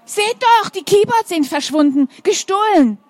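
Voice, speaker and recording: A frantic storybook schoolteacher, put on by a woman reading aloud, her voice pitched high and stammering with alarm. She blurts out dramatic exclamations in a dry, close sound. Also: expressive, a little slow, no echo. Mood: panicked. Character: flustered excitable female schoolteacher.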